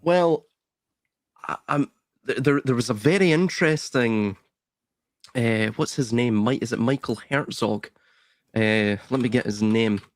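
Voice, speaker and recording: A man's voice: mid-range voice, unhurried, pauses often, dry recording, studio quality. Rambling male guest musing on ideas. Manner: rambling, many fillers and restarts, musing. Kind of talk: philosophical discussion.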